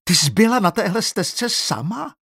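A man reading an audiobook, voicing an injured, shaken woman teacher who asks hushed, urgent questions. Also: on the high side, sing-song, breathy edge, no room sound, studio quality, pitched above the performer's own voice, heavily acted. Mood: tense. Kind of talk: audiobook character voice.

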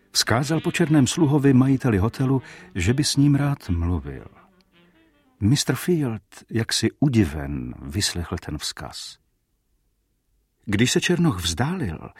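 A man with a husky voice giving expressive scripted narration of an old-fashioned story. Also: fairly low pitch, no room sound, clean studio sound. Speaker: audiobook narrator.

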